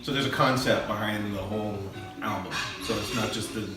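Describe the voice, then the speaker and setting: Low-voiced man asking hesitant questions. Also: steady tone, brisk. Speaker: interview host. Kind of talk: casual interview questions. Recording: echoey room from far off, music behind.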